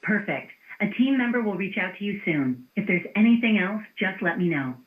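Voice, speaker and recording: This is a woman's synthetic voice running an automated phone reception, polite and formulaic in its customer-service script. Pitched in the middle with lively intonation, it moves fairly quickly over a tinny line.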